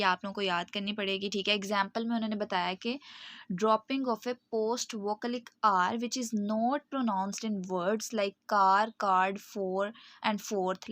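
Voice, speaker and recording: A woman gives a recorded online lecture. She explains patiently, checks in with her students often, and reads English passages slowly. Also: mid-range voice, fairly bright tone.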